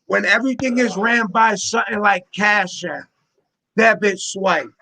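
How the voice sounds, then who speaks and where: A man's voice: sits high, unhurried, a crowd in the background. A man in his forties hosting a casual panel chat on a video call, emphatic and full of street slang, repeating his points. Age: 40s.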